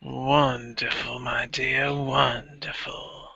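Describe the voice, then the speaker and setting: A man voicing a calm, scheming older vampire father who speaks slowly and knowingly. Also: mid-range voice, creaky, slightly rough, exaggerated voice. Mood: pleased. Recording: dull lo-fi recording.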